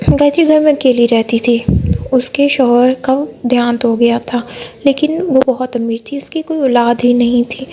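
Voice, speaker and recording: A woman's voice: sits high, dark tone, a little hiss or hum. A woman narrating a cartoon bedtime story, reading steadily with small slips and restarts.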